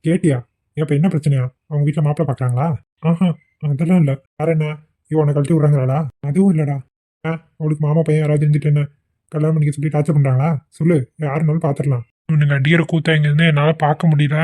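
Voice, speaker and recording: A man's voice: on the high side, little pitch movement, quick pace, dark tone, lightly acted. A man voicing young male college buddies in a homemade cartoon, trading scolding banter. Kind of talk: amateur cartoon voice acting.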